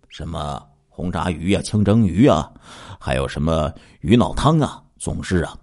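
A male storyteller narrates a crime tale with dramatic, drawn-out phrasing. His voice sits low yet leaps and dips in wide, animated swings. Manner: animated, draws out phrases with 啊 and 呢 particles.

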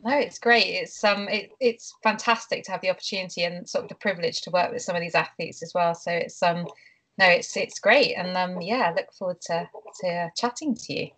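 A woman's voice: fairly low pitch, a little fast, a bit bright. A woman, a nutritionist and triathlete, talking casually as an interview guest, hesitant with many fillers and restarts. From England.

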